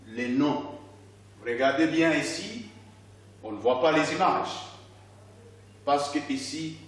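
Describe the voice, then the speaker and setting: Slow-spoken teacher in an echoey room. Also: male voice, on the high side, a bit bright, distant mic, slight background noise. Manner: slow, deliberate, stretching out syllables and repeating words. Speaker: primary school teacher. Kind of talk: classroom reading lesson. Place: classroom.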